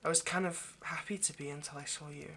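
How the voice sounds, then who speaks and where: Playing an anxious, centuries-old vampire who has kidnapped the listener, a man speaks in an intimate ASMR roleplay, stammering, hesitant and apologetic in a tender, confessional mood. His voice is on the high side, quick and fairly even, lightly acted. There's faint background noise.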